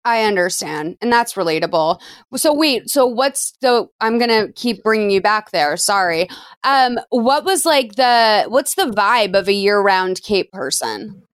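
A woman's voice: mid-range voice, animated, a little slow, no room sound. A woman hosts a podcast in a loose, chatty way, firing off curious follow-up questions. Her voice sits mid-range and sounds close and dry, with no room around it. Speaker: podcast host. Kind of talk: casual chat.

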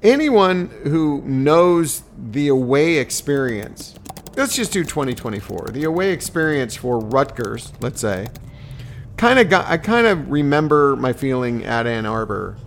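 A man's voice: medium pitch, big pitch swings, measured pace, gravelly, a little hiss or hum. A man co-hosting a casual sports podcast, rambling and playful as he interrupts himself. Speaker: podcast co-host.

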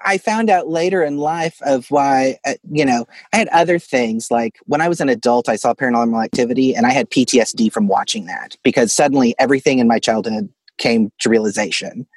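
Speaking from his home closet, an Arkansas caller tells his own ghost story in a casual storytelling way, chuckling throughout. His medium-pitched voice runs fairly quick with hardly any pauses, and the sound is dry and close.

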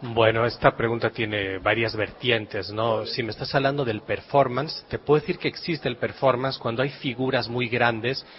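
A novelist from Galicia, Spain, appears as an interview guest, answering questions reflectively and literarily with a dry sense of humor. His medium-pitched voice moves at a moderate pace with hardly any pauses, and the recording has a dull, lo-fi radio quality.

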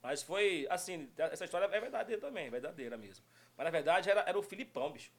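Man, middle-aged, fairly high voice, very lively intonation, animated storytelling, casual chat. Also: quick pace. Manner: animated storytelling with frequent laughter. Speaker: guest storyteller.

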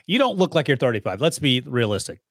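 A man's voice: medium pitch, very animated, fast talker, no room sound. A man in his forties co-hosting a sports podcast, with dry and sarcastic humor. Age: 40s. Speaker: podcast co-host. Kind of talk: casual sports podcast banter.

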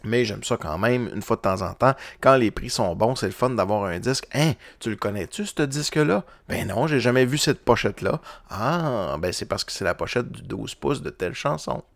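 A man's voice: lowish voice, animated, normal speed, vocal fry, few pauses, no room sound. A middle-aged man with a Québécois French accent, hosting a podcast and chatting casually about vinyl records, with many fillers and restarts. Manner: rambling, frequent fillers and restarts. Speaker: podcast host.

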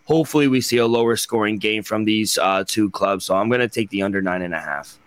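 A man's voice: lowish voice, quick pace, clean tone, no echo. A man co-hosting a sports betting podcast, giving picks in casual chat and often correcting himself mid-sentence. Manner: self-correcting, trails off at ends of thoughts. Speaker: podcast co-host.

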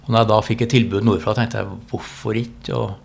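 Creaky-voiced man with a Trøndelag accent. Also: on the low side, little pitch movement. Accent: Trøndelag Norwegian. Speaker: interview guest, business executive. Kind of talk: casual conversational storytelling.

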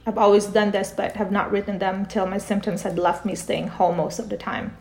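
A middle-aged woman from the Philippines speaks as a podcast guest, calm and reflective as she tells her story. Her voice has a gravelly, fried edge. She sits at a middle pitch for a woman. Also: brisk, slight background noise. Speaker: guest, parent coach and author. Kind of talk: podcast interview.

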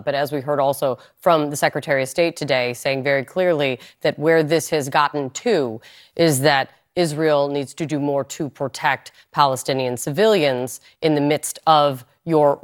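A woman with a low voice and a standard American accent anchors a live news interview. She questions in a measured, probing way, like a broadcast journalist at work.

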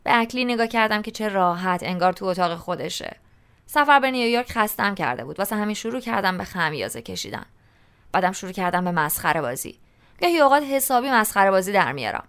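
A woman reads a novel aloud in the first person, telling it in a relaxed, colloquial way. Her voice is smooth and clear, with a pitch that is neither high nor low. The delivery stays conversational, like someone telling the story to a friend. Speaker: audiobook narrator.

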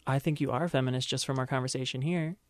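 A man's voice: mid-range voice, fairly even intonation, rapid-fire, dry recording. Playful man in his thirties, dry sound. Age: 30s. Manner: playful, self-mocking, laughs often. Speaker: podcast co-host. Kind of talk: casual chat.

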